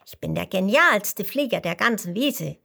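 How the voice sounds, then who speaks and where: A woman voicing a tiny, boastful male mosquito in a storybook read-aloud, talking eagerly and loudly. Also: mid-range voice, lively intonation, moderate pace, vocal fry, heavily acted. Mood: excited. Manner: eager, loud, show-offy. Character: small boastful male mosquito, excited chatterbox.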